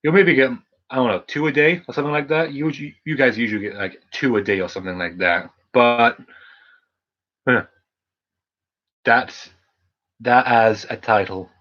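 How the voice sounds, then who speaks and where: A man's voice: mid-range voice, moderate pace, long pauses, lo-fi sound. A man hosting his channel's Q&A stream, rambling casually with lots of fillers and restarts. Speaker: channel host. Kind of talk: casual live Q&A chat.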